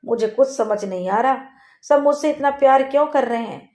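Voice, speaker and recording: A woman's voice: high voice, moderate pace, a little mellow, voice pushed up, close to an everyday voice. A woman voicing a timid young village girl in a folk tale, asking pleading questions in a raised voice, in an echoey room. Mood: bewildered.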